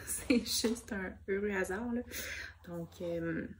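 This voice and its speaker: A woman with a Québécois accent chatting casually about her knitting projects, soft-spoken and gushing, with many fillers. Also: mid-range voice, takes it slowly, a little hiss or hum. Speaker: knitting vlogger. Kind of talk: casual show-and-tell chat.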